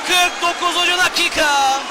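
A man giving live football commentary in a loud, excited delivery. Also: very high voice, normal speed, over loud music. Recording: loud crowd and noise behind. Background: noisy football crowd.

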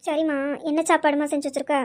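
A woman's voice: high-pitched, level tone, quick pace, a little mellow, natural voice. A woman playing a lazy, cheeky daughter who whines and talks back to her mother in a comic family skit. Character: cheeky, lazy, sulky girl who oversleeps.

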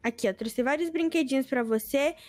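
A woman's voice: sits high, brisk, soft background music. A woman with a Brazilian Portuguese accent in a playful game roleplay, sweet and teasing. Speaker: roleplay co-player.

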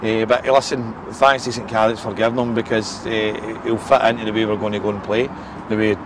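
A man's voice: fairly low pitch, flat delivery, a little fast. A Scottish man in his forties, a football manager giving a post-match interview outdoors, frank and repetitive, with many eh and listen fillers. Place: outdoors beside a football pitch. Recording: outdoor noise with passing traffic.

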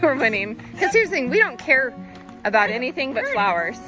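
Woman vlogger on a trail, bubbly, lively pitch that swings high, light music behind. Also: a little fast, low-quality recording. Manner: bubbly, laughs often, excitable. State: out of breath on uphill. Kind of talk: casual chat while hiking. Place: outdoors on a mountain trail.

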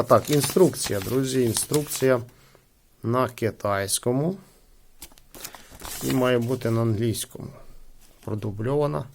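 There's slight background noise as a man with a medium-pitched, darkish voice gives conversational unboxing commentary. Hosting and reviewing the product, he hesitates often and leans on filler phrases in a casual way.

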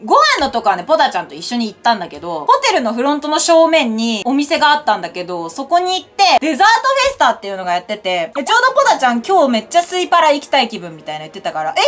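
A young woman chatting casually in her vlog, telling stories in an animated way and exclaiming often. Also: on the high side. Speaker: YouTuber.

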